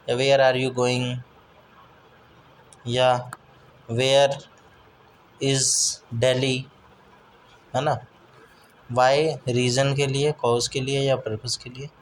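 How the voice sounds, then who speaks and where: A male teacher in a spoken English lesson, reading model sentences very slowly and deliberately. He switches to quick Hindi explanations and keeps checking whether the listener follows. A faint hiss of background noise sits under the recording. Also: medium pitch, low-quality recording.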